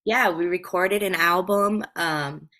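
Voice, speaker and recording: An American woman in her thirties from Hawaii tells stories as an interview guest in a casual, rambling, self-effacing way. Her voice is fairly low, bright and forceful, and she takes her time.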